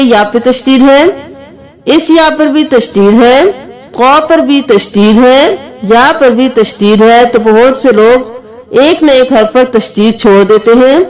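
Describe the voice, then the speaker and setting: High-pitched woman teacher going slow, spelling out each letter patiently. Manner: slow, patient letter-by-letter explanation, with sung recitation between. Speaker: Quran recitation teacher. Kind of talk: tajweed lesson, spelling out letters.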